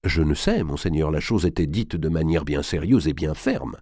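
Loyal old envoy, read by a man in his own deep voice, earnest and respectful. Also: expressive, moderate pace, darkish tone, no room sound, studio quality. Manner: deferential, earnest.

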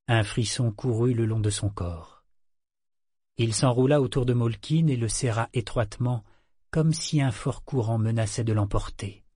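A man narrating an audiobook in a measured, even storytelling manner. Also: medium pitch, breathy edge, no room sound, studio quality.

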